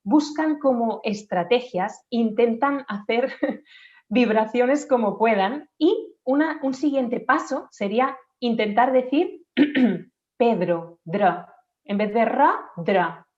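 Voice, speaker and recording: A woman's voice: a little high, slow, a little mellow. A woman patiently explaining speech development in an interview, sometimes demonstrating sounds aloud. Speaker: speech therapist guest. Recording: dull lo-fi audio.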